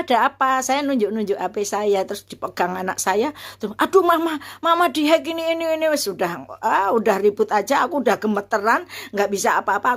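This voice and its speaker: A woman in her fifties, a university lecturer, telling a personal story casually and earnestly, with many fillers and restarts. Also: medium pitch.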